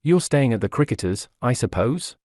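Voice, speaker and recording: A man voicing a cool-headed young gentleman who speaks with dry, wry humour. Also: mid-range voice, sing-song, moderate pace, dry recording, close to an everyday voice.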